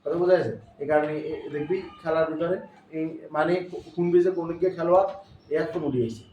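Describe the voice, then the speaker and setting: A Bangladeshi man teaching a passage to a class, going through it line by line and pausing often to check that his students follow. His voice sits a little high for a man and sounds far from the mic, in an echoey room with a faint hum of ambience behind him. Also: steady tone, dull audio. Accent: Bangladeshi Bengali. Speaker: English teacher. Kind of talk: classroom lesson explaining a passage.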